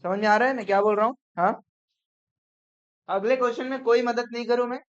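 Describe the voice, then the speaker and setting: A man teaching accounts in a classroom lecture, brisk and coaxing, often checking whether students follow. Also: very high-pitched, steady tone. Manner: brisk, coaxing, peppered with "theek hai?". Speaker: commerce teacher. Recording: dull lo-fi classroom recording.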